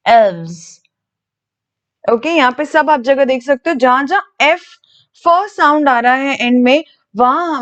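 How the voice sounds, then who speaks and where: Fairly high-voiced woman teacher, patient, repeats stuff and quizzes the class, muffled lo-fi audio. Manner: patient, repeats key words, asks and answers her own questions. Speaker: English teacher. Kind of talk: explaining grammar to students. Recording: dull lo-fi sound.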